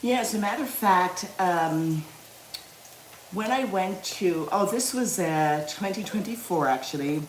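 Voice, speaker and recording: A livestream cooking host from Guyana chats casually with her viewers as she cooks, laughing easily. Her voice is medium-pitched and animated at a measured pace. The poor-quality audio sounds roomy, with slight background noise.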